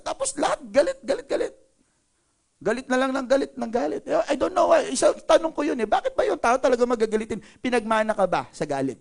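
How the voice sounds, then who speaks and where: Animated high-voiced male pastor. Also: vocal fry. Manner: playful, jokes with the congregation. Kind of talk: sermon. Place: church service.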